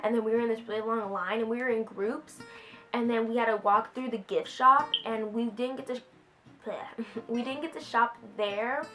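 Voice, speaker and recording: A teenage girl vlogs in a high, bright voice and tells her story in a giggly, excitable rush, full of fillers and restarts. Faint music plays under her voice. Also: moderate pace. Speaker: vlogger. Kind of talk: casual storytelling vlog.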